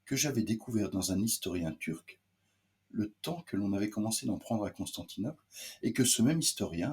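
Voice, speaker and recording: Low-voiced man reading aloud, hesitant asides. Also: darkish tone. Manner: hesitant, many fillers and restarts between readings. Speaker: literary show host reading excerpts. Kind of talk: reading aloud and casual commentary.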